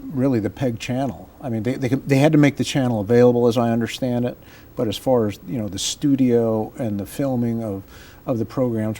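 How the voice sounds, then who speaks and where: A man's voice: fairly low pitch, warm tone. An American man hosting a casual panel talk, hesitant and often searching for his words as he explains. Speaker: public access show host.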